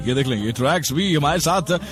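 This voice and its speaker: Male radio host, high pitch, jokey and teasing, music bed underneath. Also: lively intonation, fairly quick. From Pakistan. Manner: jokey, laughs often, teasing callers. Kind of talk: lively radio show banter. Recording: radio broadcast with music behind.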